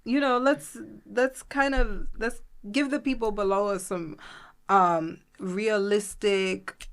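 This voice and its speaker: A woman with a New York accent co-hosting a podcast, talking in an animated, emphatic way. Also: mid-range voice, takes it slowly, clear, resonant tone. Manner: animated, emphatic, breaks into laughter. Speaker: podcast co-host. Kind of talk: casual chat.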